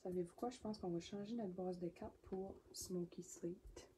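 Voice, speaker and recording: A woman with a Québécois accent demonstrates card making at her craft desk, chatting and thinking aloud as she works and sometimes dropping to a soft murmur. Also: fairly low pitch, steady tone, moderate pace. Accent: Québécois French. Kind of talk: casual crafting tutorial. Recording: noisy with crafting clicks.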